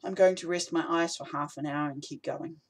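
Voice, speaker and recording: A man's voice: a little high, fairly even intonation, normal speed, close to an everyday voice. A man reading as a weary, curt woman leader. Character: tired brisk woman rebel leader.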